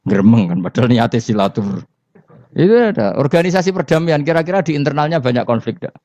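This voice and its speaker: A man's voice: medium pitch, very animated, quick pace, dark tone, no echo. A man with a Javanese accent giving a religious lecture, telling humorous stories and quizzing his listeners. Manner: humorous storytelling, quizzing the audience. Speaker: Islamic preacher. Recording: dull lo-fi recording.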